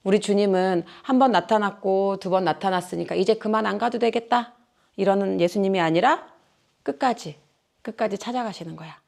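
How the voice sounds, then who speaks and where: Lively woman preaching to a congregation. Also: mid-range voice, moderate pace, creaky. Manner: lively, questioning the audience, plain speech. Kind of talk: casual sermon to children and youth.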